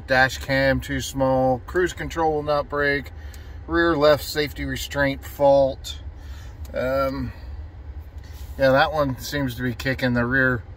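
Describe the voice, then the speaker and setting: Holding his phone camera at arm's length, a middle-aged man narrates his road trip vlog from his car and outdoors at charging stations, rambling easily with plenty of fillers. His medium-pitched voice is fairly bright, with a little hiss or hum in the audio.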